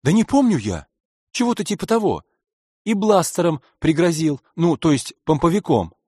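A man's voice: on the high side, sing-song, normal speed, darkish tone, breathy edge, dry recording, clean studio sound, pitched above the performer's own voice. A man voicing a cocky, rude young male robber in an audiobook, whiny and insolent. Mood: sulky.

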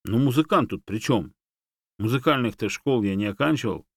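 A man's voice: on the low side, animated, normal speed, a little mellow, no echo, natural voice. A proud, touchy male guide dog who bristles when teased and argues back earnestly, as a male reader voices him. The voice is a little raised and dry, with no room sound at all. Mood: indignant. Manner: indignant, defensive.

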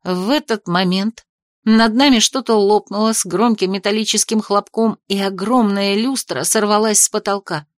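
A woman's voice: mid-range voice, normal speed, dry recording. Female narrator, dramatic storytelling, dry studio sound. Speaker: audiobook narrator. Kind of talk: scripted narration.

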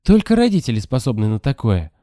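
A man's voice: medium pitch, sing-song, fast talker, mellow, dry recording, clean studio sound, pitched above the performer's own voice, close to an everyday voice. A man voicing a fretful, insistent red-haired teenage girl in an audiobook. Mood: worried. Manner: worried, insistent.

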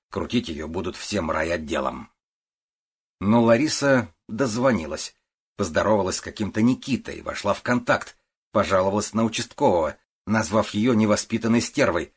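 A male audiobook narrator with a low, husky voice. He reads the story in a steady, even way, keeping a calm, level pace through the action.

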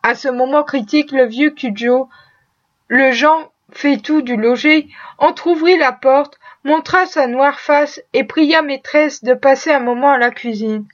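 Brief: female audiobook narrator, high voice, measured and expressive, muffled lo-fi recording. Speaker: audiobook reader. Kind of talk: scripted narration.

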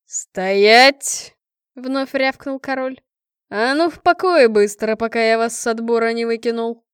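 A woman voicing a bossy, gruff young king. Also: a little high, steady tone, normal speed, no echo, clean studio sound, lightly acted. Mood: barking. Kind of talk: audiobook character voice.

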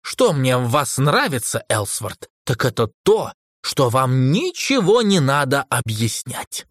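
A man reading an audiobook, voicing a cold, contemptuous male drama critic in a slow, lowered, disdainful voice. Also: very animated, a bit bright, no room sound. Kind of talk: audiobook character voice.

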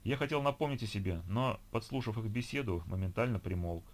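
A man narrating an audiobook in an even, measured reading. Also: on the low side. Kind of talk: scripted narration.

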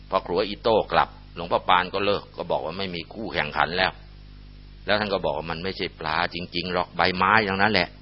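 A man telling a temple legend in a relaxed way, with frequent fillers, on a muffled lo-fi recording. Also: sits low. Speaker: storyteller. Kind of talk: storytelling narration.

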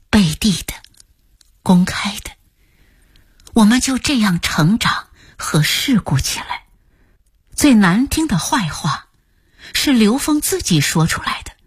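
A woman narrating a novel as an audiobook in measured, expressive storytelling. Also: medium pitch, breathy edge, dry recording, studio quality.

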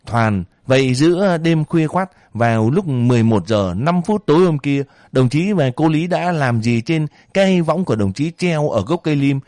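A man's voice: fairly high pitch, lively intonation, moderate pace, few pauses, a little mellow, no echo, clean studio sound, pitched above the performer's own voice, natural voice. A man reading a story voices a male soldier who presses hard with accusing questions. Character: accusing male army comrade, sneering and righteous.

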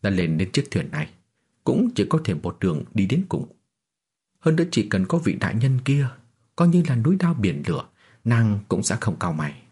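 Husky male audiobook narrator. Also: on the low side, big pitch swings, normal speed, a little mellow. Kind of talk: scripted narration.

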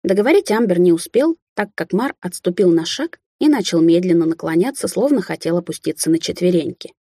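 A woman's voice: lowish voice, animated, brisk, mellow, breathy edge, no room sound, studio quality. A woman narrating a fantasy audiobook in the first person.

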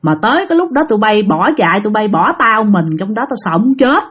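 A woman voicing a bold middle-aged man who summons a spirit, shouting demands and threats. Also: mid-range voice, sing-song, fast talker, breathy edge. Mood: indignant.

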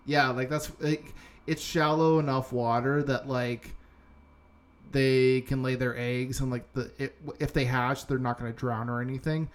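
A young podcast co-host chats casually, rambling with lots of fillers and restarts. He speaks at medium pitch with little pitch movement and an unhurried pace, over a noisy background.

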